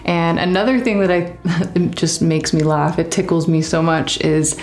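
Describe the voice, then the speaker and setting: A woman makeup artist narrating a tutorial in a calm, instructive way, with playful teasing. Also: on the low side, normal speed.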